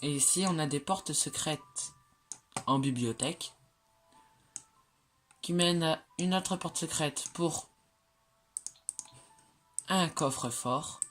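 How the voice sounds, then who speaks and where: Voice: mid-range voice, slow, long pauses, fairly bright tone, faint music behind. Hesitant, chatty French-speaking game narrator. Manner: hesitant, many fillers and self-corrections; chatty, jokes at own slips. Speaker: game creator showing builds. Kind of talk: casual walkthrough narration of game builds.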